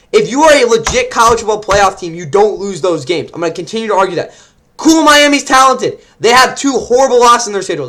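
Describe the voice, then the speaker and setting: A young man hosts his own sports picks show, rattling off opinions at a rapid clip. His voice sits fairly high and he rambles, stumbles and corrects himself as he goes. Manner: rambling, excitable, self-correcting. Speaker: host. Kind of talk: casual sports predictions.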